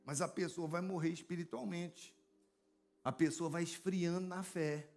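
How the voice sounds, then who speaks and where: A man's voice: fairly high pitch, fairly even intonation, unhurried, a little mellow. A man preaching a sermon as a pastor, telling stories and speaking directly to the congregation. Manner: conversational storytelling preaching, addresses congregation directly.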